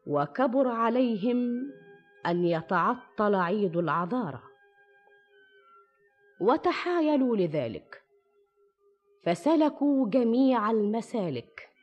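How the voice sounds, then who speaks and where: A poised young storyteller queen speaks in a slightly high voice and recites her tale in measured, rhymed classical lines. She stays modest before the king. The sound is a slightly dull old radio recording with faint music beneath. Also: very animated, exaggerated voice. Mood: storytelling.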